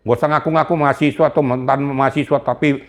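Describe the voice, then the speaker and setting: A man's voice: medium pitch, steady tone, fast talker. An older man, a retired general, speaking in an interview with indignant, scolding emphasis. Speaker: retired police general, guest. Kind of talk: heated interview talk.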